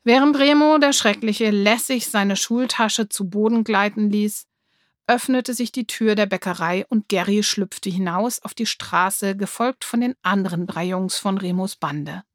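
A woman narrating a children's audiobook in a lively storytelling manner. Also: mid-range voice, a little slow, no echo, studio quality.

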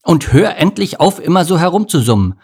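A man's voice: medium pitch, lively intonation, moderate pace, a little mellow, slightly rough. A man voicing a stubborn, self-centred young male bug in a storybook reading, grumpy and snappish. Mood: annoyed.

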